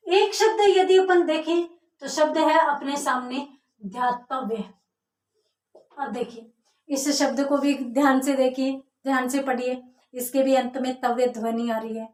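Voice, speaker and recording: A woman's voice: sits high, recorded from a distance. A woman teaching a grammar lesson, explaining step by step and answering her own questions. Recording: echoey room, voice from off mic.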